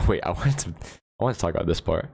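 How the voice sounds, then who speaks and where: Casting: low-voiced American man, loose livestream chatter, laughs a lot, phone mic at home. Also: expressive, normal speed, creaky, a little mellow, soft background music. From United States. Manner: rambling, laughs often, answers chat questions. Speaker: livestream host. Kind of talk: casual livestream chat.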